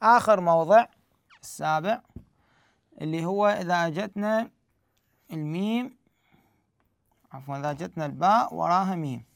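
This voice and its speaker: Man teaching recitation, high gravelly voice. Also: moderate pace, long pauses, dry recording, clean studio sound. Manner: explains step by step, asks himself questions and answers them. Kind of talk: tajweed lesson.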